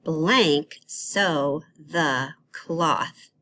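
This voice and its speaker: A woman's voice: deep voice, sharp tone, slight background noise. A woman teaching a grammar lesson to young children, asking playful questions and praising their answers. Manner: slow, encouraging, sing-song questions to young kids.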